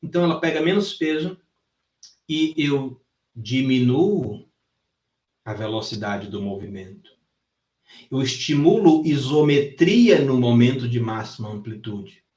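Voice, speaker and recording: A man's voice: mid-range voice, animated, measured pace, long pauses, darkish tone. Intense man teaching on a roomy live stream. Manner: intense and emphatic, swears freely, acts out his own past coaching. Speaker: online sales mentor, former gym trainer. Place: home during a live stream.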